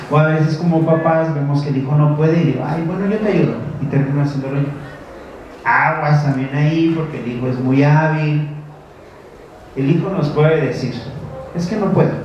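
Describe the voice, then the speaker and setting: A Mexican man, a teacher, lectures a group of parents and often pauses to check that they follow him. His slightly high voice comes from a distance and echoes heavily around a big room. The recording is dull and lo-fi, with a faint hiss behind it. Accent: Mexican Spanish. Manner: keeps checking in with "¿sí?" and acts out parents and children. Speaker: teacher giving a talk to parents. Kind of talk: talk to a parents' school group.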